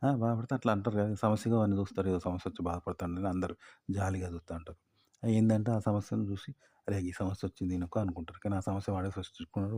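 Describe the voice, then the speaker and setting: A man's voice: fairly low pitch, dark tone, slightly rough, dry recording. A man explaining ideas in a casual, rambling monologue, repeating his points through everyday examples. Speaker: YouTube commentator.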